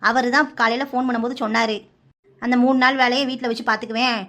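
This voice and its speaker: A woman voicing a middle-aged mother who reassures in quick, chatty talk. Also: on the high side, steady tone, pushed and bright. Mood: reassuring.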